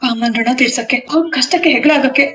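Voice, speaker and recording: A young actress playing a proud, troubled wife who answers curtly and defensively in a TV serial. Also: female voice, sits high, quick pace, a bit bright. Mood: lamenting. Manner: curt, defensive. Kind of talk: TV serial acting.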